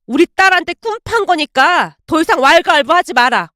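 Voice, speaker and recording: Fierce scolding mother, done by a woman narrator for a storytelling video; high, loud and biting, dry close sound. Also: big pitch swings, normal speed, no room sound. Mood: furious. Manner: scolding, shouting. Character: angry middle-aged mother, sharp-tongued and fierce.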